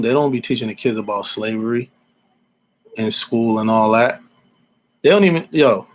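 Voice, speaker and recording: On a poor-quality recording, a mid-range male voice belongs to a fortysomething Alabama podcast host. He offers loose, rambling opinions, repeats himself, and leans on casual slang.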